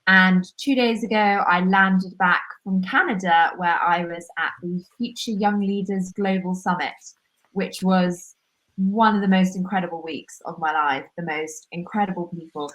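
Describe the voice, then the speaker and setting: A woman's voice: lowish voice, a little slow, fairly bright tone, rough recording. A young woman with a modern British accent from southern England, chatting informally as a podcast co-host. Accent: Southern English. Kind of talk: casual chat on a live podcast. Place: sparse room at home.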